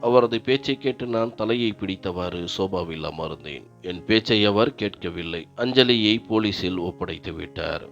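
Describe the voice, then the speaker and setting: A man narrating a first-person story in a grave, steady manner. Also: low-pitched. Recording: dull lo-fi narration with faint music.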